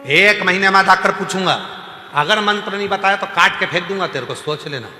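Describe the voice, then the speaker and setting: A man's voice: high-pitched, brisk, sharp tone, slight background noise. A man voicing a stern male guru who issues threatening warnings. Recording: echoey hall with music.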